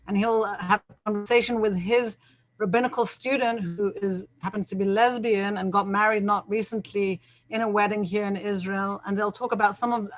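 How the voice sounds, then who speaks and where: A woman's voice: medium pitch, no echo. A woman organizing the series from Israel, wrapping up and announcing the next talk, hesitant with many fillers. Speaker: event organizer.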